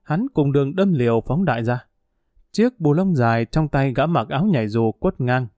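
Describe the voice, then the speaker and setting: A man narrating a crime audiobook in a steady, dramatic way. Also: medium pitch, moderate pace, no echo, studio quality.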